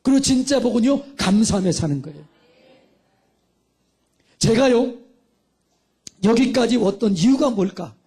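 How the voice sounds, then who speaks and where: A man's voice: very high-pitched, animated, measured pace, gravelly, pauses often, dark tone, slightly rough. A middle-aged male pastor preaching fervently, calling for amens and acting out little dialogues. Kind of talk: sermon. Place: church sanctuary.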